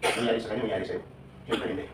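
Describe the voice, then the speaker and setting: Fast-talking older man in a hall. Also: fairly low pitch, background noise. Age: 70s. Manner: animated, joking, questioning the audience. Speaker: OFW advocate speaking to workers. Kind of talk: live seminar talk to a crowd. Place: large hall with an audience. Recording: echoey hall, voice from far off.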